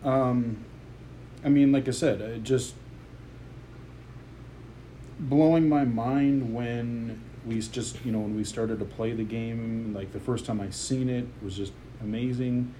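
A man with a mellow, warm voice co-hosts a relaxed gaming podcast. His talk is loose and meandering, full of restarts, and a faint noise hums behind him. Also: mid-range voice, slow, low-quality recording. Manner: rambling, restarts sentences often. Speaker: podcast co-host. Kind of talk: casual gaming chat.

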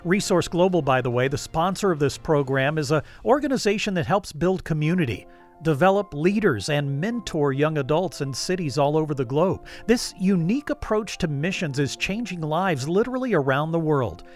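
A man's voice: on the high side, animated, moderate pace. Man hosting a radio program over music. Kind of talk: scripted radio host narration and interview.

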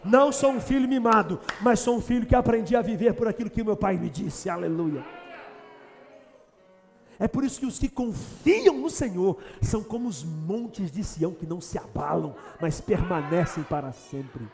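Brief: high-pitched male pastor, fervent sermon with bursts of shouting, echoing church hall. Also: lively intonation, normal speed, creaky, faint music behind. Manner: fervent preaching, rising to shouts, rhetorical questions to the congregation.

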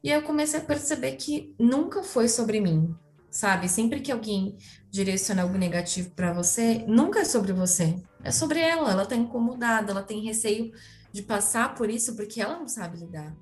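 A woman's voice: a little high, lively intonation, moderate pace, soft background music. A woman in her twenties with a Brazilian Portuguese accent, an interview guest telling a personal story in a candid, chatty way, full of fillers and asides to the listeners.

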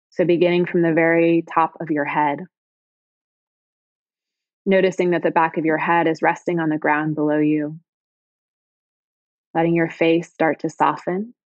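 A woman leading a guided body-scan meditation in slow, soft, soothing phrases. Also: low voice, no room sound, lo-fi sound.

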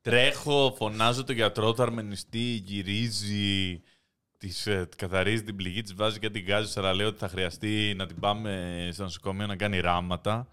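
A young man in casual podcast chat, an animated storyteller who laughs often. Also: lowish voice, smooth. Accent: Greek. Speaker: podcast co-host.

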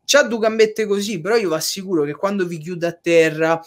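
Blunt Roman man with a highish voice. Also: a little fast. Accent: Roman Italian. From Italy. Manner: blunt, sweary, indignant defence of fighters. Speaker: professional MMA fighter, guest. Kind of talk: casual chat about fights.

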